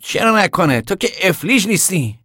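A man's voice: sits high, very animated, bright, forceful tone, husky, no echo, clean studio sound, full character voice. A male narrator voicing a blunt, impatient young man who talks in a scolding, brusque way.

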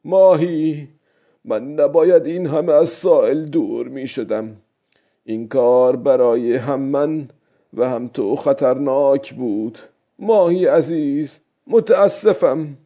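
A man's voice: mid-range voice, pitched above the performer's own voice, natural voice. A man voicing a weary old fisherman who talks to himself in a raised, strained, plaintive voice. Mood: sorrowful. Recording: dull lo-fi recording.

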